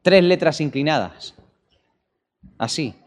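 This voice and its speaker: A preacher delivering a sermon with a lively voice that swings widely in pitch. He keeps asking his listeners questions, and the voice rings through a long church-hall reverb. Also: slow. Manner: animated, with rhetorical questions to the audience.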